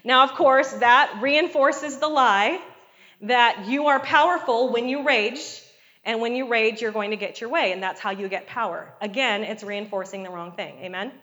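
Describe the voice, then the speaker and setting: A woman's voice: fairly high pitch, moderate pace, sharp tone, lo-fi sound. Middle-aged woman preacher, chatty sermon delivery with constant call-and-response checks. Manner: conversational, frequent call-and-response "Amen?" and "okay?".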